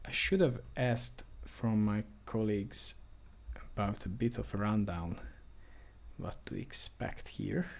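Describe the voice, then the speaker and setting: A man's voice: fairly low pitch, slow, vocal fry. A man with a Hungarian accent, a native Hungarian speaker, thinking aloud and apologizing as he demonstrates a controller during a live stream. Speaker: product demonstrator. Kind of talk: live-stream product demo.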